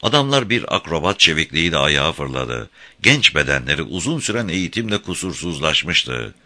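A man narrating a novel as a scripted audiobook reading, measured and vivid. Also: rumbling low, sing-song, sharp tone.

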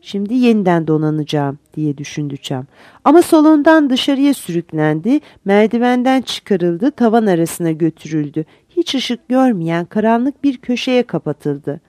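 Woman storybook narrator, animated delivery, mellow warm voice, dry close sound. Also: medium pitch, unhurried, no room sound. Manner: expressive, animated fairy-tale telling. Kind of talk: storybook reading.

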